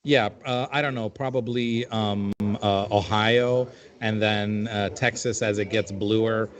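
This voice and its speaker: A man's voice: on the low side, steady tone, unhurried. A man in his forties from Jordan, a comedian telling wry, dry stories in casual chat. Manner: dry, wry storytelling with filler-laden asides. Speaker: comedian and panel guest.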